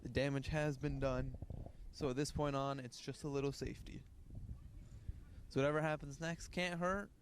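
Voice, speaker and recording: A man's voice: medium pitch, steady tone, normal speed. A young man doing chatty, joking baseball commentary in an easygoing mid-range voice. He talks casually as a student broadcaster. A faint hiss of noise sits under the recording. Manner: chatty, jokey, breaks into playful singing.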